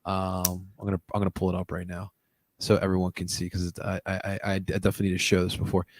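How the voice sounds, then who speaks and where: A man co-hosting a soccer podcast in casual chat, animated and laughing a lot. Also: fast talker, a little hiss or hum. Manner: animated, laughs a lot, jumps to high exclamations. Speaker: podcast co-host.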